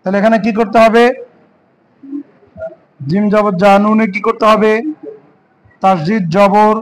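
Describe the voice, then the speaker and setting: A man teaching Quran reading, spelling out letters and vowel marks slowly and asking the learner rhetorical questions. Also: sits high, level tone, poor audio. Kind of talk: step-by-step reading lesson.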